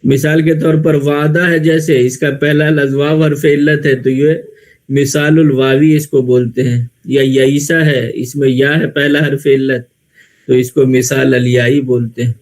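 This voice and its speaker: This man's voice is medium in pitch, level, and a little mellow as he teaches Arabic grammar in Urdu, carrying an Indian Urdu accent. It's a classroom lecture: slow, stepwise explanation in which he raises questions and resolves them himself.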